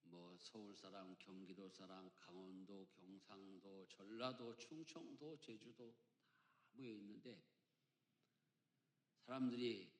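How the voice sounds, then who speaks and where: A man in his fifties from Chungcheong, Korea, preaching a sermon as senior pastor, jumping between loud emphatic lines and quiet asides, with folksy jokes. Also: low-pitched, steady tone, takes it slowly. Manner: emphatic preacher with big swings between loud and soft, joking. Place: church sanctuary. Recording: echoey church hall.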